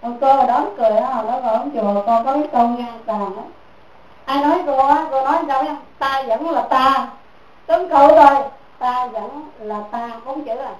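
Her high voice has a slightly mellow quality as she teaches a dharma talk, circling back to her points and checking in with "right?" again and again. The mic is distant and the room echoes.

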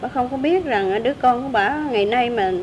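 A woman with a Southern Vietnamese accent preaches a Buddhist story in a loose, conversational way. Her high voice sounds in an echoey room, picked up from a distance with a faint rumble behind. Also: a little fast, darkish tone, dull audio. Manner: conversational, with fillers like "đó" and "á". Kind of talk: sermon storytelling.

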